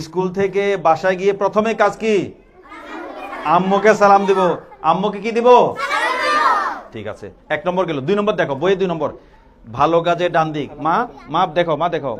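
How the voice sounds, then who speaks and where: A man's voice: high-pitched, fairly quick, pauses often. A man teaching a religious lesson to young children in a primary school classroom, quizzing and coaxing them and repeating each question in call-and-response. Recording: classroom with a noisy crowd of children. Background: children answering in chorus.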